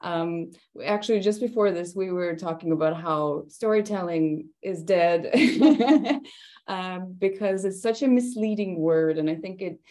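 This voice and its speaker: A woman, speaking in a low, mellow voice. She presents a workshop in a chatty way, laughing lightly between phrases. Her delivery is loose and full of fillers. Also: unhurried. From Estonia. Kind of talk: conversational presentation.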